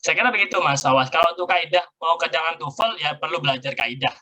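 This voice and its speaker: A man's voice: a little high, quick pace, sharp tone, low-quality recording. A middle-aged male university lecturer explaining a grammar lesson, switching between Indonesian and English.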